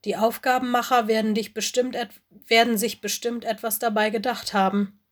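A woman doing Lenny, a steady earnest bear cub. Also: fairly high pitch, moderate pace, lightly acted. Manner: earnest, level-headed.

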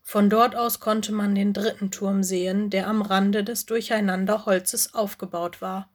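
A woman narrating a children's storybook in a calm, clear way. Her voice sits at an ordinary middle pitch for a woman. She reads smoothly and evenly, as in a read-aloud recording. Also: measured pace.

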